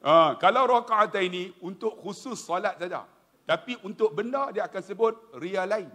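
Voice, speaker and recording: A middle-aged man with a Malaysian accent giving an animated, humorous religious talk. He keeps addressing the audience directly. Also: high-pitched, normal speed. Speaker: religious lecturer. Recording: long hall reverb.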